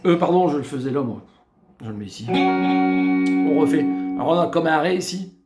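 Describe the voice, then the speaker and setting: A man's voice: a little high, lively intonation. A man teaching guitar, explaining chords step by step and counting beats as he plays. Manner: slow step-by-step explaining, counting beats and singing snatches while playing. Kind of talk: guitar tutorial. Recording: echoey room with loud guitar.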